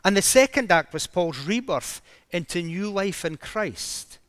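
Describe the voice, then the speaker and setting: A man delivers a sermon in a fairly high voice, telling the story with dramatic, emphatic rises. The sound is dry and close, with no room echo. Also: expressive, measured pace, fairly bright tone. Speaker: preacher.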